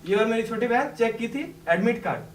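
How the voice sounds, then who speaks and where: Young man, high voice, chatty storyteller, laughs often, heard from afar in an echoey classroom with background noise. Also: expressive, fast. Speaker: successful exam candidate. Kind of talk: telling a personal story to a class. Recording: echoey room, distant mic, background noise.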